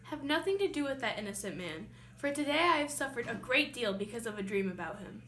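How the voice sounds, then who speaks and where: A woman's voice: on the high side, expressive, a little fast, a bit bright. A woman reading an insistent figure in a biblical trial, in an amateur church dramatic reading. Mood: urgent warning.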